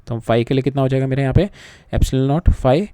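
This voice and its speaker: A man's voice: mid-range voice, fairly quick, mellow, clear, resonant tone, no room sound. A man teaching physics, working through problems while switching between Hindi and English, with frequent fillers and repeated words. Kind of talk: lecture solving exam problems.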